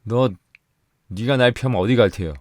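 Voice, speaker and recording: A man voicing an angry, threatening rural husband who shouts coarse country speech. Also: medium pitch, normal speed, dry recording, studio quality, pitched above the performer's own voice, natural voice. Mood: menacing.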